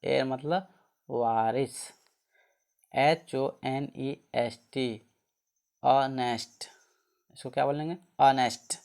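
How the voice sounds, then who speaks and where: A man's voice: medium pitch, gravelly, a little mellow, clean tone. A man teaching a pronunciation lesson. He spells each word letter by letter, asks questions and answers them himself. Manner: spells words letter by letter, then repeats them slowly.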